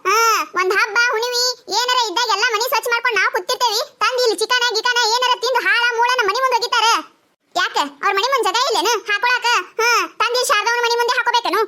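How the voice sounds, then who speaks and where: A woman voicing a loud, quarrelsome young village wife in a cartoon, ranting and scolding in a North Karnataka Kannada accent. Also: fairly even intonation, fast. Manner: shrill scolding rant. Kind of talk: cartoon voice acting.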